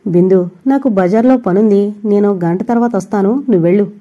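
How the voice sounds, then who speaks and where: A woman's voice: mid-range voice, a little fast, mellow, close to an everyday voice. A woman voicing a proud young female typist in a storybook reading, speaking curtly and with restraint. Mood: strained.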